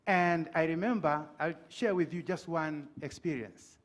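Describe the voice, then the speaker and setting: A man's voice: on the high side, a little slow. A middle-aged man putting an earnest, pointed question to a conference panel from the floor. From Tanzania. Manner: earnest, pointed, makes a case with stories. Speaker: audience member asking a question.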